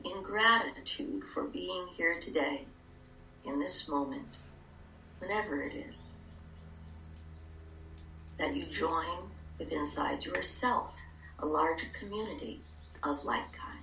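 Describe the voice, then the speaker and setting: An older woman leading a guided meditation in soft, gentle, hushed phrases with pauses. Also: low voice, slight background noise. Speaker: meditation leader. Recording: echoey room, distant mic.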